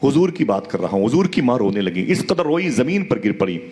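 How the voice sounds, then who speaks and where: A man's voice: mid-range voice, very animated, darkish tone. Emotional man preaching a dramatic sermon. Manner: repetitive, dramatic, rhetorical appeals to the crowd. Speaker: religious preacher. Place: live religious gathering.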